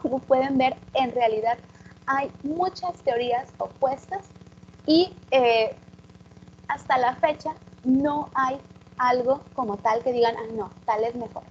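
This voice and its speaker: A woman's voice: sits high, slow, dull audio, a little hiss or hum. A woman, an English teacher giving a public talk and explaining things directly to her audience.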